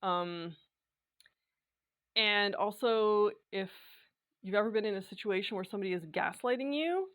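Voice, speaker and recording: A woman chatting casually to her camera, rambling along with fillers and little laughs. Her voice sits at a middle pitch and sounds slightly hoarse from dry indoor air. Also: moderate pace, long pauses, a bit bright. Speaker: sewing and knitting vlogger.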